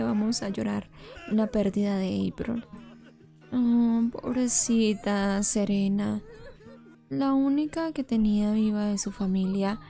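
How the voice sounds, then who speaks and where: A woman talks her viewers through a life simulation game in a chatty, emotional way. Her voice is fairly high yet dark and gravelly, with plenty of creak. She speaks slowly, with soft music playing behind her. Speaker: Sims let's-play creator. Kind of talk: casual gameplay commentary.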